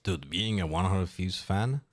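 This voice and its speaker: A man casually chatting on a live stream, reading and answering chat in a relaxed, mumbling way that trails off. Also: low voice, measured pace, soft background music.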